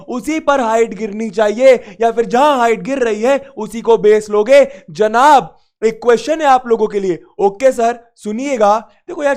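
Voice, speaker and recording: Man, young adult, maths teacher, live online class, high voice, repetitive, coaxing, slightly sore throat. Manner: lively, repetitive, coaxing students with playful asides.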